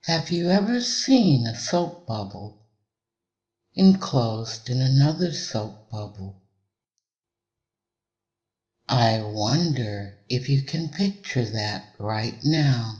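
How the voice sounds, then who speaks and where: A man delivering a hypnotic induction in a measured, deliberate way, with long pauses between short phrases. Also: medium pitch, lively intonation, a little mellow, lo-fi sound.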